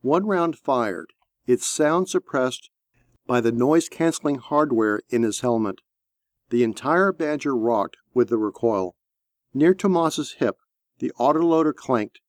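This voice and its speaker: A man reading a military novel aloud as narrator, with a steady, measured delivery. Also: medium pitch, no room sound, clean studio sound. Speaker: audiobook narrator. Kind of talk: scripted narration.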